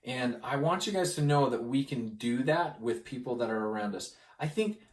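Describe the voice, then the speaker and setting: A man from Canada presenting a gospel study lesson, telling a personal story with lively delivery and acting out the people in it. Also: mid-range voice, moderate pace, reverberant. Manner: animated, acts out the people in his stories.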